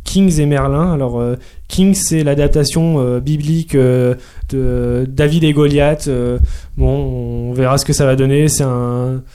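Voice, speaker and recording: A man's voice: medium pitch, steady tone, measured pace, dark tone, clean tone. A man co-hosting a casual chat about TV series, hesitant, with many fillers. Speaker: podcast co-host.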